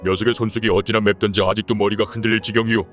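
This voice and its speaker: A thick-headed younger-brother villain played by a man with a low voice. He is boastful yet deferential to his elder, in wuxia audio-drama style. The audio is a bit dull, with music behind. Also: level tone, racing, close to an everyday voice. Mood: boastful, gleeful.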